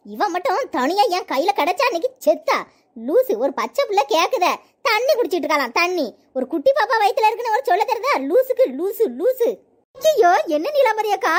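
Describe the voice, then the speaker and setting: Woman doing a sharp-tongued gossipy village woman with a Tirunelveli accent. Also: very high voice. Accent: Tirunelveli Tamil. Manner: mocking, scolding, dramatic.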